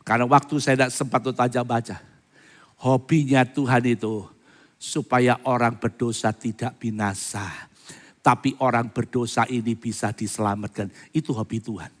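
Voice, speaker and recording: A pastor preaching a sermon, moving between soft asides and loud, fervent appeals and asking the congregation questions. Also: male voice, mid-range voice, fairly even intonation, normal speed. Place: church. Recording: reverberant church hall.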